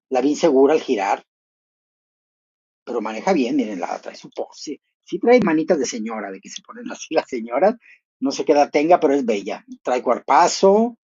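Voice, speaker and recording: A man gives a playful, gossipy live commentary. He thinks out loud and breaks into sudden high exclamations. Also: husky, muffled recording.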